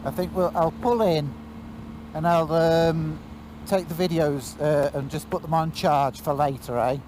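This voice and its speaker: Helmet audio captures a rider with a New Zealand accent bantering casually, teasing and joking as his motorbike moves along outdoors through engine and road noise. His voice is fairly high, steady and unhurried.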